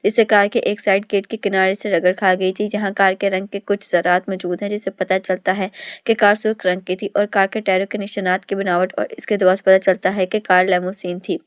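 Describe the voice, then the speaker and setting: A woman's voice: medium pitch, level tone, a little fast, clear, resonant tone, no echo, clean studio sound, natural voice. A woman reading a dutiful male field agent. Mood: reporting. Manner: matter-of-fact reporting.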